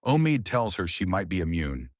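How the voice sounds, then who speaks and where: A man narrating a movie recap in a steady, even summarizing tone. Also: low voice, normal speed. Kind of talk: scripted narration.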